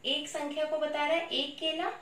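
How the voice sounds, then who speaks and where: A woman's voice: sits high, flat delivery, fairly bright tone, a little hiss or hum. A woman teaching a grammar lesson to young children, drilling words one by one for them to repeat back. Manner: slow, drawn-out call-and-repeat drilling of words.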